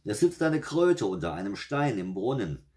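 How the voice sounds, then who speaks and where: A man reading aloud and voicing the devil in a fairy tale, a gruff, short-tempered male with a slow, mocking drawl. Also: fairly low pitch, very animated, a little mellow, voice pushed up.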